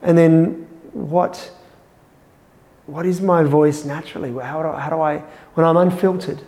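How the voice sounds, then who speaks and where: Gravelly, frank man talking to camera. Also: fairly high pitch, unhurried, in a large hall. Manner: animated, self-interrupting, frank. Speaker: podcast host. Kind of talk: casual solo talk.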